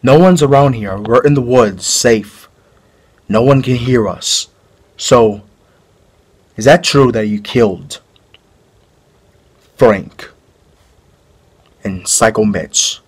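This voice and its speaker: A man's voice: mid-range voice, slow pace, pauses often, husky. A man playing a curious male questioner who coaxes a confession out of a friend, in an amateur home-video drama. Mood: coaxing curious. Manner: coaxing, probing questions.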